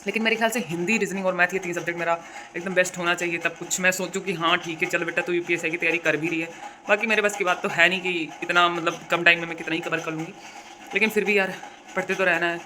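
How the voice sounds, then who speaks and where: A woman's voice: on the low side, fairly even intonation, fast, background noise. A young woman from India chatting casually in a vlog, telling stories, with a sore throat and a cough now and then. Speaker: vlogger.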